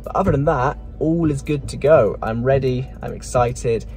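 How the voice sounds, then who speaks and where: A man vlogging casually at night, chatting quickly and rambling a bit while recording himself on his phone. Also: mid-range voice, darkish tone, faint music behind. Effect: phone video recording. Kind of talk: casual vlog to camera.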